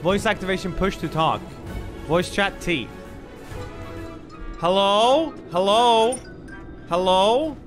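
A man's voice: high voice, slow pace, long pauses, soft background music. A man from Sweden in his late twenties, playfully trolling other players while streaming from home. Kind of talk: casual streaming chat.

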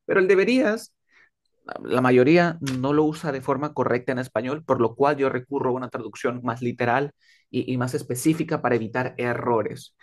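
Male tutor, video-call lesson, patient, drills each word slowly and repeats it. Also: medium pitch. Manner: patient, repeats words slowly to model pronunciation. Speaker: English tutor. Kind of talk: one-on-one online English lesson.

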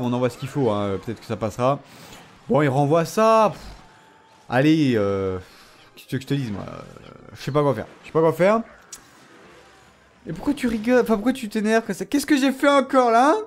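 A man giving animated gameplay commentary, teasing and self-mocking, often laughing and bursting into excited shouts. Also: fairly high pitch. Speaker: gamer commenting his own matches.

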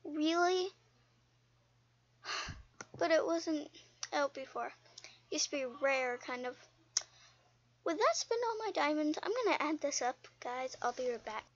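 A young woman chatting casually while playing an online game, rambling and quick to get indignant. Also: sits high, animated, no room sound, muffled recording. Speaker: game video host. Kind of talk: casual gameplay commentary.

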